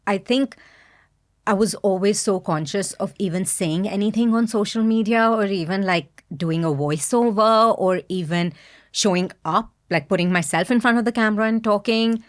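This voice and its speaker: A woman from India with an Indian accent and a medium-pitched voice speaks at normal speed as a podcast guest. A business founder, she's soft-spoken, candid, and thoughtful in this reflective interview.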